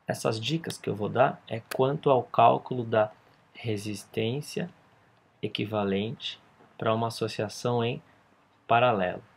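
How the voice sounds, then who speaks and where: Male physics teacher, husky, gravelly voice, walks students through each step. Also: mid-range voice. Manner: explains step by step, checks in with "tá?" and "ok?". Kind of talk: whiteboard physics lesson.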